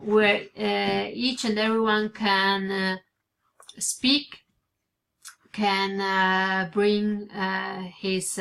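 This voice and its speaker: Speaking Italian-accented English, this vlogger, a woman in her forties of Italian birth and Swiss upbringing, addresses a desk webcam inside her home office with bookshelves. Her mid-range voice is creaky with a fairly bright tone. The casual vlog comes out hesitantly, dotted with fillers and restarts.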